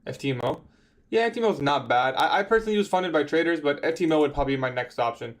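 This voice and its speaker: On his trading livestream, this man in his twenties fires off answers to viewers in a high-ish, animated, rapid-fire voice. His style is relaxed and full of slang, with plenty of "bro."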